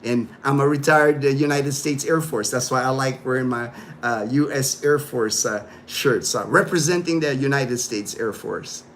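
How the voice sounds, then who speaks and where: A man's voice: medium pitch, normal speed, fairly bright tone, a little hiss or hum. A man in his fifties, born in the Philippines, hosting a casual livestream and chatting loosely with viewers, full of fillers and asides. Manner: rambling, reads out viewer comments, many fillers. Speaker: livestream host.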